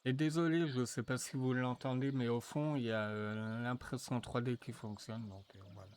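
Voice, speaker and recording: A man walking viewers through a software tutorial, thinking aloud with frequent fillers and restarts. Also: mid-range voice, fairly even intonation, clean tone. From France. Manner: slow, hesitant, thinking aloud with many fillers. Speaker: tutorial presenter. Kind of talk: screen-recorded software tutorial.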